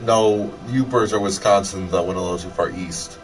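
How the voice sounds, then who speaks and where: With music playing and the mic set at a distance, a Michigan game livestreamer chats in rambling, sardonic banter with friends, joking and swearing in an American accent. His voice sits lowish, and his pace is moderate.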